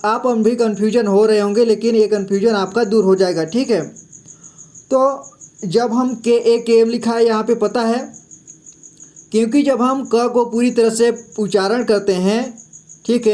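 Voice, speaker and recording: Slow deliberate guy explaining letters, keeps saying okay, patient. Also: sits high, a little mellow. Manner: patient, repeats syllables, says "ठीक है" often. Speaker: Hindi teacher. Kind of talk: slow classroom-style explanation.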